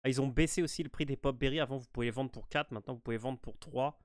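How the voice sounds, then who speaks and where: A man with a French accent talks through a game walkthrough in a loose, unhurried way, pausing often and restarting his sentences. His voice sits at a middle pitch. The sound is dry and close, with no room echo. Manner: relaxed, hesitant, many fillers and restarts. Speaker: gaming walkthrough host. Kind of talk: casual game walkthrough commentary.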